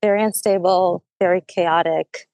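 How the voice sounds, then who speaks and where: A woman's voice: fairly low pitch, fairly even intonation, moderate pace, a little mellow, no room sound. A woman in her thirties from the United States, speaking hesitantly as a coaching client and searching for her words. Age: 30s. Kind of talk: personal conversation.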